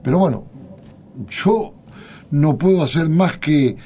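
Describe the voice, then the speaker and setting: A man with a Uruguayan accent, a guest in a radio interview, answering in a measured, deliberate way with many pauses. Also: fairly high pitch, dark tone, husky. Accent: Uruguayan Spanish.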